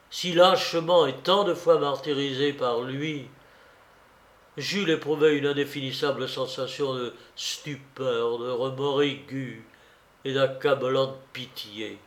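A man narrating a literary audiobook in a measured, expressive reading style. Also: medium pitch. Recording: roomy, echoey recording.

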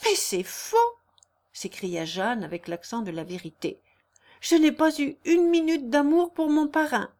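A woman's voice: mid-range voice, lively intonation, a little slow, a little mellow, natural voice. A woman voicing a candid young country girl who protests her innocence sincerely in a read-aloud novel. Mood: sincere, aggrieved.

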